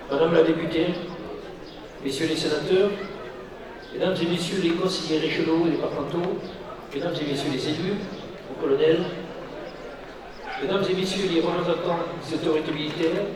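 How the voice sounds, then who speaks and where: High-pitched man orating in heavy echo. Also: normal speed, pauses often. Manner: grandiloquent, formal oratory. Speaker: public official giving an address. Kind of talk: formal commemorative speech, read out. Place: public commemoration ceremony with audience. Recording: very echoey, distant mic, crowd.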